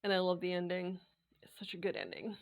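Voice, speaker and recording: A woman vlogging in a casual, rambling chat, full of fillers and quick laughs, her voice slightly worn from dry air. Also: fairly low pitch, flat delivery. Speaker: sewing and knitting vlogger.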